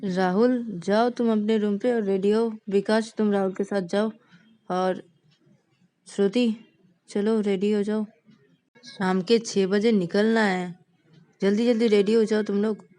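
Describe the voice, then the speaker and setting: A woman voicing a fond middle-aged mother who gives brisk, bossy instructions. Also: mid-range voice, fairly even intonation, warm tone, no echo, pitched above the performer's own voice, lightly acted. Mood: bustling.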